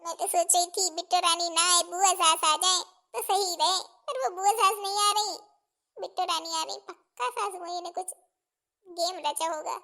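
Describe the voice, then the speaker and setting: A woman's voice: extremely high pitch, fairly even intonation, a little fast, pushed and bright. A woman voicing a put-upon young daughter-in-law in a cartoon, polite to her face and grumbling aside.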